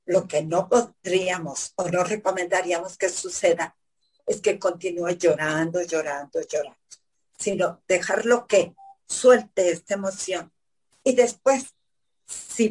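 A woman psychotherapist, explaining calmly step by step in an interview, often asking herself questions. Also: medium pitch, slightly rough, rough recording. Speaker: psychotherapist guest.

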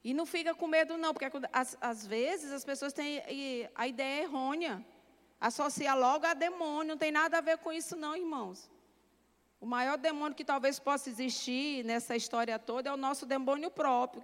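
A woman's voice: a little high, fairly bright tone, big-room sound. A woman giving a fervent testimony in a church sermon, addressing the brethren.

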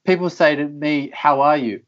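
A man's voice: on the high side, normal speed, dull audio. Earnest man speaking candidly. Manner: earnest, repeats words when stressing a point. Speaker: podcast guest. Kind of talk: candid conversational interview.

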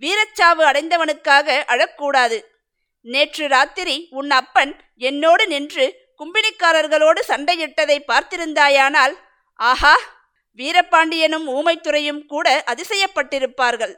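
Storybook role: loyal injured warrior husband, pleading and earnest, voiced by a high-voiced woman. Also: unhurried, sharp tone. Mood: tender. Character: wounded brave village warrior husband.

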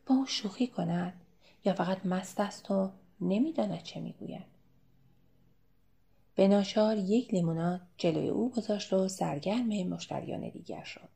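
A woman narrating a novel in a measured, even reading. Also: mid-range voice, vocal fry. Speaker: audiobook narrator. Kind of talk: scripted narration.

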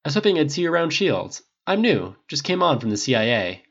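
A man's voice: on the high side, sing-song, fast talker, pitched above the performer's own voice. A man putting on a pushy, flirty agent. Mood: pushy, wheedling. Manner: insistent, wheedling. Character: pushy smooth-talking male agent, persistent and flirty. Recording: dull lo-fi recording.

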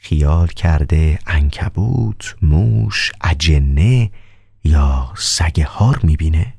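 A man voicing a calm, polite male doctor who asks slow, soft, half-whispered questions. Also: extremely low pitch, vocal fry, husky, no echo, studio quality, heavily acted.

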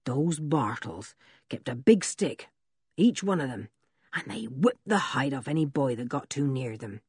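A woman voicing an old male village blacksmith who tells a story slowly and in a rustic way, with a husky voice. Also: rumbling low, lively intonation, darkish tone, no echo, studio quality, voice pushed down, heavily acted. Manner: slow, drawn-out, rustic storytelling. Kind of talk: audiobook character reading.

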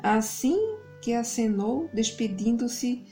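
Animated Brazilian woman hosting a kids' story show. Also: on the high side, slow pace, slight background noise. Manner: animated, sing-song, addressing small children. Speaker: kids show host and storyteller. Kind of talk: children's storytelling, kids show host.

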